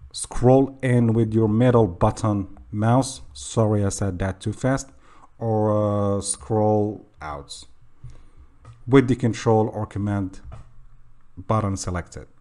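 A young man hosting a software screen tutorial in a casual voice-over, often pausing with "okay" and correcting himself. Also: on the low side. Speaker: tutorial host.

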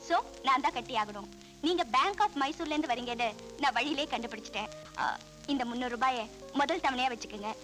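Young woman, film drama: high, bright, direct, earnest, firm. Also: low-quality recording.

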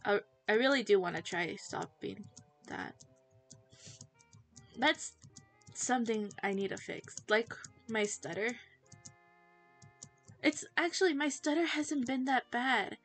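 With faint music in the background, a teenage girl talks casually to viewers during a gaming livestream, giggling often and drifting off track. Her voice is on the high side, a bit bright, with lively intonation.

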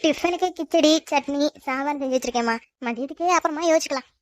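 A woman doing a brisk mother-in-law. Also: high-pitched, no room sound, clean studio sound, close to an everyday voice.

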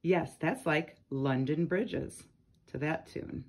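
A woman with a low, husky voice reads nursery rhymes from a picture book, taking her time. She speaks to young listeners, asking them questions and adding short comments.

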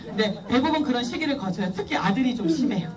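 A high-voiced woman lectures parents in a school hall, her voice swinging up and down as she teases them and leads their clapping. She sounds set back from the microphone. A loud, noisy crowd fills the background. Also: fast talker. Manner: energetic, leads clapping and shouted cheers, playful teasing. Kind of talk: lively audience-participation lecture. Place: school hall with a live audience. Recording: distant mic, loud crowd and noise. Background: audience clapping and cheering.

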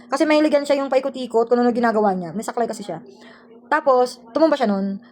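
Woman from the Philippines, domestic worker vlogging; quick, slightly high, aggrieved storyteller. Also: a little mellow, a little hiss or hum. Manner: rapid, aggrieved recounting. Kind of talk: casual storytelling vlog. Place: employer's house indoors.

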